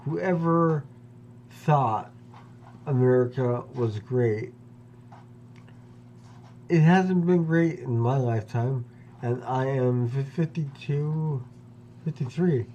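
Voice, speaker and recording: Slow-talking man in his fifties. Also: mid-range voice, mellow, highs cut off, slight background noise. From Pennsylvania, US. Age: 50s. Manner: slow, deliberate, with long pauses. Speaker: vlogger. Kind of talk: personal monologue to camera.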